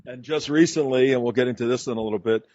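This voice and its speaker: A man's voice: mid-range voice, fast talker, darkish tone, dry recording. A man hosting a talk radio show, speaking emphatically and combatively in long run-on sentences. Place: radio studio. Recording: dull, dry studio broadcast.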